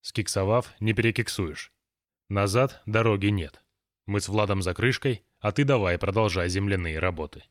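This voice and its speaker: A man's voice: fairly low pitch, normal speed, dry recording, studio quality, lightly acted. A man voicing a bossy, know-it-all grown man who lectures his friends and scolds a child. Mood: weary. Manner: thoughtful, lecturing, then scolding.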